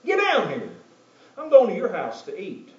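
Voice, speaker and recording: Figure: a preacher acting out Jesus. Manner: firm command. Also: male voice, high-pitched, wildly swooping pitch, moderate pace, a little mellow, reverberant, lo-fi sound. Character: commanding adult male Jesus calling someone down.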